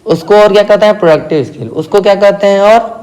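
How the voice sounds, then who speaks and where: Man teacher, north Indian accent, high voice, asks and answers his own questions, repeats key terms. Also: quick pace, darkish tone. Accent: Hindi-speaking north Indian. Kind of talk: exam-prep lecture.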